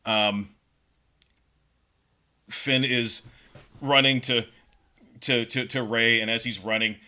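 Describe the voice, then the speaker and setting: A man hosting a podcast, casually pitching a story scene by scene in a rambling way with lots of fillers. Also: fairly even intonation, slow pace, sharp tone. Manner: rambling, filler-heavy retelling. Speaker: podcast host.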